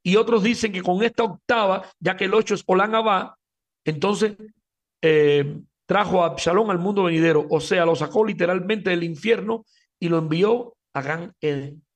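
A man's voice: sits high, moderate pace. A man giving a Talmud class lecture as a religious teacher, emphatic, speaking straight to his listeners and often stumbling over repeated words.

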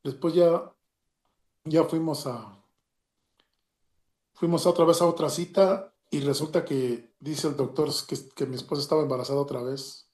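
A man with a Mexican Spanish accent tells a personal story in a halting way, with many restarts and retold dialogue. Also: on the high side, steady tone, darkish tone. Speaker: storyteller giving a personal testimony. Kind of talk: emotional personal story, casual. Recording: roomy echo.

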